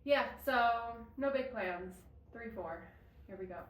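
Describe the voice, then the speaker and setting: Woman, 30s, from Illinois, podcast co-host; lively storyteller, echoey room, distant mic. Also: fairly high pitch, slow pace. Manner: animated, laughing storyteller. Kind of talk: casual chat, storytelling. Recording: roomy echo, mic at a distance.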